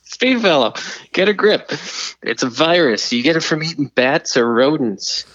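A man's voice: a little high, lively intonation, moderate pace, a bit bright, no echo, lo-fi sound. A man playing a flustered, stammering mission control operator, heard over a radio link in a comedy skit.

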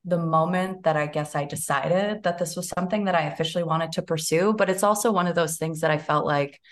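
A low-pitched woman co-hosting a podcast in casual chat. She rambles happily with fillers and frequent laughs. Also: brisk. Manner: chatty, laughs often, uses fillers. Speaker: therapist and podcast co-host.

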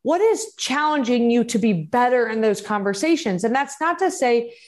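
A woman's voice: fairly high pitch, expressive, normal speed, darkish tone. A woman hosting a motivational podcast solo, talking in an encouraging, earnest, emphatic and conversational way. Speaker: podcast host and growth coach.

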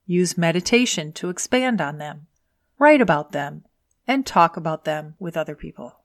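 Woman giving tidy podcast career advice, lower-pitched. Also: lively intonation, normal speed, no room sound, studio quality. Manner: tidy, orderly, instructional delivery. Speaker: podcast host and career coach. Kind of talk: scripted solo advice podcast narration.

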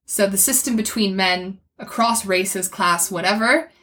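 A woman's voice: mid-range voice, a little slow, a bit bright. A woman co-hosting a podcast, opinionated and casual, swearing freely and referencing essays. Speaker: podcast co-host. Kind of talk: casual chat.

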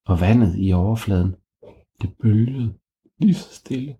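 Dad improvising a bedtime story; low, mellow, animated. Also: male voice, lo-fi sound. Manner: animated, swooping into voices and sound effects. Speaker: parent telling a bedtime story.

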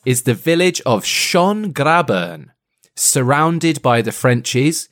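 A man co-hosts a casual podcast at a medium pitch, retelling a novel with a playful, teasing streak. His talk is jokey and loose, full of asides and quick quips to his co-host. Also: very animated, a bit bright.

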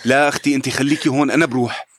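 An actor playing a brave, loyal young villager in a radio drama, talking bluntly and urgently in Levantine Arabic. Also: male voice, mid-range voice, steady tone, rapid-fire, close to an everyday voice. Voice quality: blunt, urgent, insult-laden. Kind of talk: audio drama acting.

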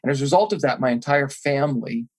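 Speaking fast in a husky, slightly mellow, medium-pitched voice, a pastor raised in Thailand answers as a podcast interview guest. He talks earnestly and reflectively about his calling, with some restarts along the way.

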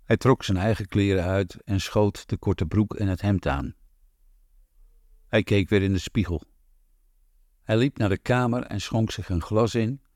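A man narrating an audiobook in a calm, measured, even reading. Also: sits low, no echo, studio quality. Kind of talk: scripted narration.

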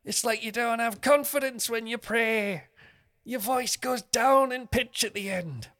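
A man's voice: very high voice, a bit bright, voice pushed up. A man doing a fussy old churchgoer. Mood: complaining. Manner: slow, pointed, complaining.

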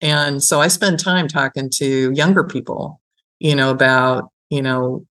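Speaking in a bass voice that's a bit bright, unhurried and fairly even, a middle-aged gerontology professor is interviewed conversationally. She offers reflective explanations and personal stories, frequently checking in with "right?" and "you know."

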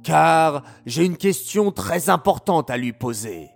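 A desperate old king wails and commands in a sing-song, lamenting voice, as a man puts him on for a children's story. The voice sits high and gravelly, in slow, drawn-out phrases. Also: sing-song, faint music behind, full character voice. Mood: commanding.

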